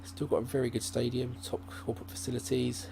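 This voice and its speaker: A man's mid-range voice comes across creaky and monotone, running a little fast, as he hosts a gaming channel. He rambles through casual let's-play commentary, thinking aloud with frequent fillers and restarts, into a desk mic at a faintly humming laptop.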